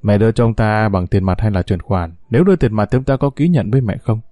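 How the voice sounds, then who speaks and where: A man reading a story aloud and voicing a grown son who fires sharp, accusing questions at his mother. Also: fairly low pitch, quick pace, dry recording, studio quality, lightly acted. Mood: pressing.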